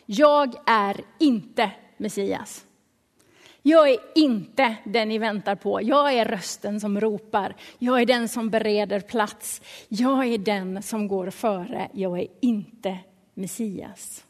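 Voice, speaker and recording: A woman voicing a humble male prophet, speaking low, hushed and slow in a sermon. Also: fairly even intonation, in a large hall, lightly acted. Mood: solemn.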